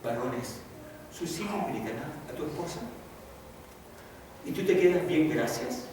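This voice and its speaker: Preaching pastor in an echoey church. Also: male voice, on the high side, lively intonation, a little slow. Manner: dramatic preaching, acting out quoted voices and shouting lines. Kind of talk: sermon. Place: church sanctuary. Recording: echoey church hall, distant mic, audible noise.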